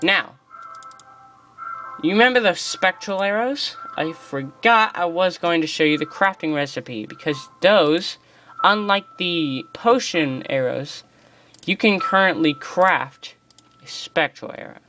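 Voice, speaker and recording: Speaking unhurriedly over soft background music, a US-based gaming host walks through a gameplay tutorial in a chatty, excitable way and jokes about their own mistakes. Their pitch is middling, keys clatter now and then, and the audio comes from a phone aimed at a monitor.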